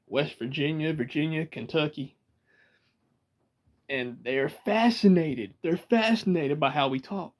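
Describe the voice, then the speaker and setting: A man from Georgia talks easily to the camera in a thick Southern drawl, his voice sitting a little higher than most men's. He rambles from one aside to the next and laughs often, recorded in a small room at home. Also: a little slow. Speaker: vlogger. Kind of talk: casual talk to camera. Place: small room indoors, sitting in a rocking chair. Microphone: camera in front of him.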